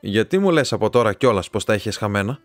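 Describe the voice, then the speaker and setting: A man's voice: lowish voice, expressive, no room sound, soft background music, close to an everyday voice. A man voicing an irritable middle-aged magistrate who questions sharply and gets flustered. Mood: interrogating.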